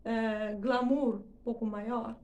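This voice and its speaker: A woman's voice: fairly high pitch, fairly even intonation, a little mellow, echoey room. A woman teaching English pronunciation in Portuguese, stressing words emphatically and checking in with frequent short questions. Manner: emphatic, drawn-out demonstrations of words. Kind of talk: explanatory lesson.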